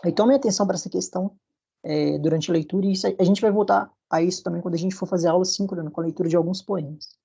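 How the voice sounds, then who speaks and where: A man's voice: high-pitched, steady tone, very fast, vocal fry, dark tone, husky, muffled recording. A man with a Brazilian Portuguese accent giving a recorded university lecture over slides, explaining patiently and often checking in with his students.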